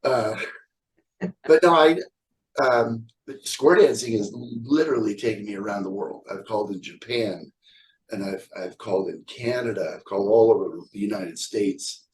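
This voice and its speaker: A man's voice: fairly low pitch, normal speed, distant mic, low-quality recording. A middle-aged man, a square dance caller, chatting in an interview in a blunt, joking, opinionated way. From California. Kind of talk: casual interview chat.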